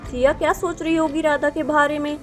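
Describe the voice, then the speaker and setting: A woman voicing a calm village farmer man who mediates family quarrels in a doll video role-play. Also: high voice, brisk, soft background music, lightly acted. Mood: firm. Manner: reasoning, mediating.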